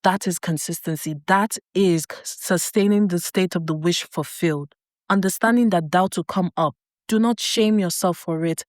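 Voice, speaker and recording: A woman coach giving an earnest motivational talk to her viewers, with slow, emphatic repetition. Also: fairly low pitch, no echo, clean studio sound. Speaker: self-concept coach.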